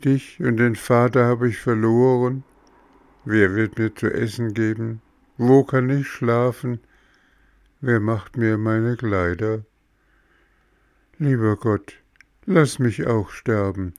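A man's voice: medium pitch, slow pace, vocal fry, hardly any pauses, darkish tone, no echo, pitched above the performer's own voice. A man voicing a tearful, remorseful wooden puppet boy in a storybook reading, pleading through sobs. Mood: sobbing plea. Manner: sobbing, pleading.

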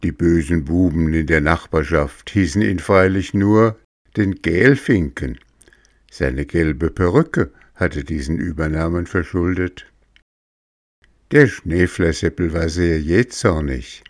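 A man narrating a children's story in a measured, deliberate manner. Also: sits low, no echo, studio quality.

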